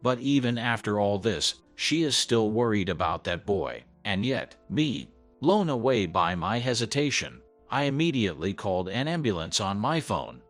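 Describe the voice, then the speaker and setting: A man's voice: fairly low pitch, sing-song, normal speed, few pauses. A man narrating a first-person story in an earnest, scripted way. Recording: soft background music.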